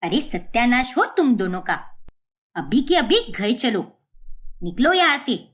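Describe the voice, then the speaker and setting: A woman's voice: a little high, sing-song, a little slow, breathy edge, exaggerated voice. A woman voicing a stern, proud mother-in-law who scolds her daughters-in-law in a cartoon story. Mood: angry. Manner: scolding, angry.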